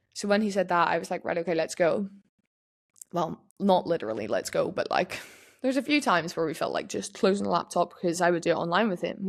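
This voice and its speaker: A woman's voice: medium pitch, darkish tone. A young woman talking frankly and casually on a podcast, with lots of restarts and "like" fillers. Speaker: podcast host. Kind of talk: candid personal podcast talk.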